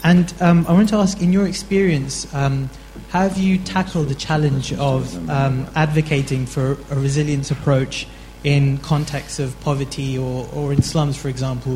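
A man's voice: mid-range voice, a little mellow, a little hiss or hum, poor audio. A man in the audience asking a long, hesitant question at a lecture. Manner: hesitant, many ums. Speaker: audience member.

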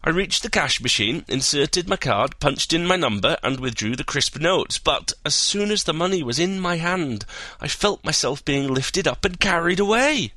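Male reader doing a high, breathless tall-tale teller in a dry, close recording. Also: moderate pace, hardly any pauses, no echo. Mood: excited. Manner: breathless, rising to high excited pitch. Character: excitable adult man spinning a wild tale.

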